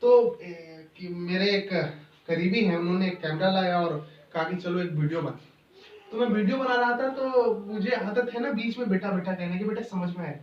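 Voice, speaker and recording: A man's voice: high voice, slight background noise. A young man teaching a math lesson, dictating definitions word by word and quizzing students with questions he answers himself. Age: young adult. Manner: dictates definitions slowly word by word, repeating phrases; asks students rhetorical questions and answers them. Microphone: phone mic. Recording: echoey room, distant dull phone mic.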